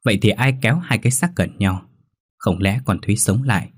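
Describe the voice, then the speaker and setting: A man narrating a ghost story in a steady, measured reading voice. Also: lowish voice, breathy edge, no room sound, clean studio sound.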